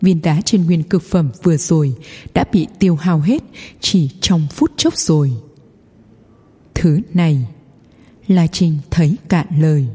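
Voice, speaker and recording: Mellow, husky woman narrating with reverb. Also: low voice, unhurried, pauses often. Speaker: audiobook narrator. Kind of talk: scripted fantasy story narration. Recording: long hall reverb.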